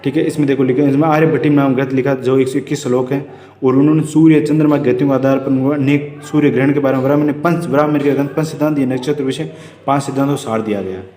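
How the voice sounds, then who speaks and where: A man teaching an exam revision lesson, rattling off quick question-and-answer points with frequent restarts. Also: medium pitch, fairly even intonation, dark tone. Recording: echoey room with faint music.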